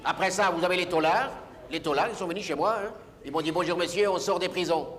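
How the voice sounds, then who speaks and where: A man's voice: high-pitched, quick pace, a bit bright. An older man performing a comic stage monologue, rambling and grumbling, with constant asides to the audience. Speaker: comedian. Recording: live stage recording with long reverb and faint noise.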